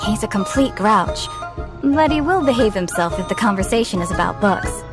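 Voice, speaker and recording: Game role: woman as plain-spoken, kindly bookseller, mid-pitched, clear music underneath. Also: animated, moderate pace, close to an everyday voice. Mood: frank, helpful. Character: matter-of-fact female bookseller, kindly frank. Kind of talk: English video game voice acting.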